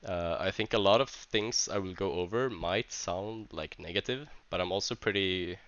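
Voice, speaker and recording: A Swedish-accented man with a low-pitched voice that is still bright and smooth. He sounds stuffy from a cold and works through a scripted vlog ramble in halting English with many restarts. The audio is somewhat dull and lo-fi. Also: no echo. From Sweden. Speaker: tournament organizer.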